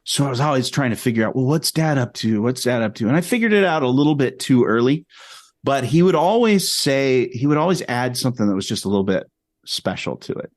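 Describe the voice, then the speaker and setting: A man, a podcast guest, telling a story in an animated, rambling way with many restarts. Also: medium pitch, fast talker, dry recording. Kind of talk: casual storytelling.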